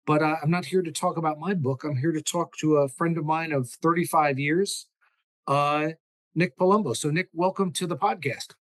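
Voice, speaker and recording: A man's voice: on the high side, normal speed, no room sound. A man hosting a podcast interview, rambling and casual, with many restarts. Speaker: podcast host.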